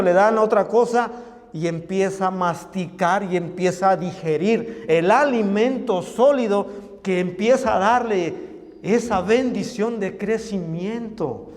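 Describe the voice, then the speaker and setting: A man's voice: high-pitched, darkish tone. A male pastor with a Mexican Spanish accent, preaching a sermon and calling his listeners brothers. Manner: preaching, addresses the congregation as hermanos. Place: church hall. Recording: long church reverb.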